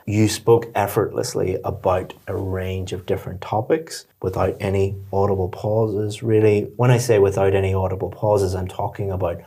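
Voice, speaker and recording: A male English teacher giving encouraging one-to-one spoken feedback on a speaking exam, explaining in quick bursts. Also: low-pitched, little pitch movement, warm tone, slightly rough.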